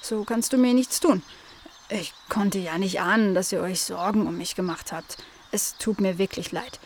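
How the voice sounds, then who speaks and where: A woman's voice: slight background noise, close to an everyday voice. Woman doing Spike, a sleepy hedgehog. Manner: slow, drowsy, low-key. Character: sleepy male hedgehog, calm and polite.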